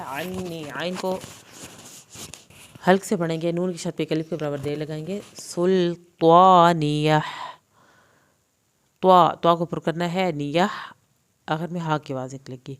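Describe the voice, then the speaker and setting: Female recitation teacher, low and smooth, draws out each phrase, then briskly explains the rule. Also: a little mellow. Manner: recites slowly, then explains rules quickly. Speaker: Quran tajweed teacher. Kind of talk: tajweed recitation lesson.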